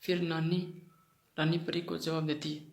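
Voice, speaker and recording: A man retells a story casually, pausing often and filling gaps. His voice sits a little high and stays flat, and the recording has a roomy echo. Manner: plain retelling with frequent pauses and fillers. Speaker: channel host, narrator. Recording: roomy echoey room.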